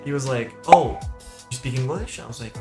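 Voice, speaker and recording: A French-speaking man chats casually on a livestream, excitable and full of slang, acting out his friends' lines as he tells animated stories. His voice sits at a medium pitch and moves a little fast. The stream audio sounds roomy, with music playing behind him.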